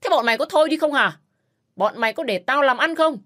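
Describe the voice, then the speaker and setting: A bossy, short-tempered old father-in-law who barks his reproaches, as a woman narrator puts him on. He lectures sharply and loudly, in a storytelling reading. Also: fairly high pitch, animated, normal speed. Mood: furious. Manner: barking, scolding. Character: harsh domineering elderly father-in-law, short-tempered man.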